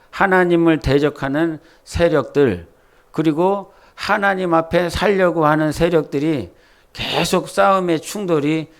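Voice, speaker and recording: A man preaching in a fairly high voice. He keeps the sermon chatty, firing questions at his congregation. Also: clean tone. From Jeolla, South Korea. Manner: conversational, quizzes the congregation with questions. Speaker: pastor.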